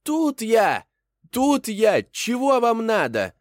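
A small, sly male rabbit chirps in a high, squeaky voice, as a man reads him out. The storybook delivery is bouncy and quick to leap in pitch. The sound is dry and close, with no room around it. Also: sing-song, dry recording. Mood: excited. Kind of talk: storybook reading.

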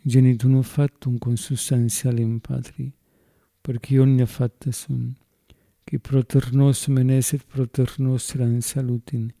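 A man's voice: medium pitch, flat delivery, vocal fry, dark tone, dry recording. A man, a priest, solemnly reciting Latin Mass prayers and reading the Gospel aloud in Spanish. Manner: slow, solemn intoning.

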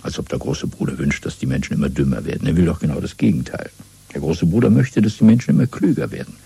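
A male actor with a bass voice, creaky and husky, plays a calm, commanding middle-aged party official in a German radio play. He speaks in a measured, didactic, coolly authoritative way, heavily acted, with an urbane, lecturing mood.

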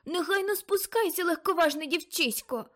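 Audiobook casting: woman reader voicing a frantic old seer aunt, high and loud, breathless cries. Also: slow pace. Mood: frightened. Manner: breathless, exclaiming, rising to cries. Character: elderly aunt, a seer lost in a frantic vision.

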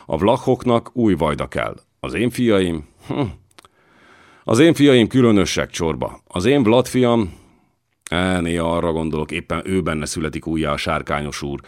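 A man's voice: low-pitched, dry recording, studio quality. A man reading as a sly scheming old voivode. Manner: sly, insinuating.

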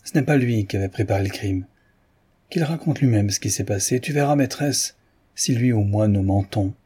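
A man reading aloud voices a stern, pious old servant who forcefully accuses the coachman. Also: lowish voice, normal speed, breathy edge. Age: older.

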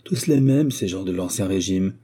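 A man's voice: sits low, expressive, normal speed, dark tone, breathy edge. A man reading the part of a smug, married middle-aged notary who presses his suit with cajoling questions. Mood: wheedling.

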